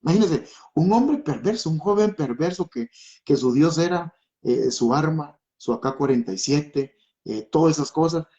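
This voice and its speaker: A man's voice: a little high, animated, moderate pace, dark tone. A man, a pastor and church singer, giving an emotional testimony with impassioned storytelling, acting out quoted voices. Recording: slightly dull lo-fi audio.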